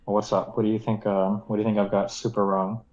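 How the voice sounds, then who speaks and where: A man's voice: fairly low pitch, flat delivery, fast talker, darkish tone. A man calling into a live stream over a muffled, tunnel-like headset line, hesitant and full of fillers. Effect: muffled, tunnel-like headset call audio. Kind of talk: casual call-in chat.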